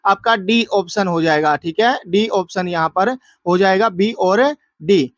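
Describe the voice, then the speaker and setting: A man with a high voice goes through exam questions like a teacher. He poses each question aloud and answers it himself, repeating key words to drill them in. The sound is dry and close. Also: a little slow, no room sound. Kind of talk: exam answer walkthrough lesson.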